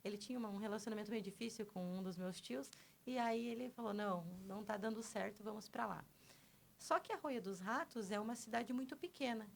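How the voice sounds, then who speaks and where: A personal trainer from Porto Alegre in southern Brazil, speaking with a Gaúcho Portuguese accent, tells her life story as a podcast guest in a chatty, conversational way, often adding tag questions. Her medium-pitched voice is a little fast with vocal fry, recorded close to a studio microphone with slight background noise.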